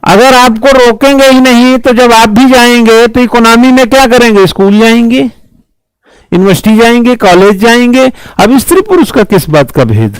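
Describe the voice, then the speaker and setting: A man's voice: very high-pitched, animated, normal speed, clear, resonant tone, no echo, poor audio. A man teaching a civil services exam class, lecturing emphatically with rhetorical questions and repeated phrases.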